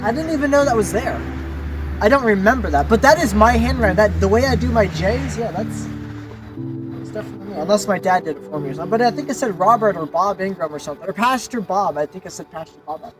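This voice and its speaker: A man chatting casually in a vlog, excited and choked up, stammering and repeating himself. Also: high voice, fast, over music. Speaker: vlogger.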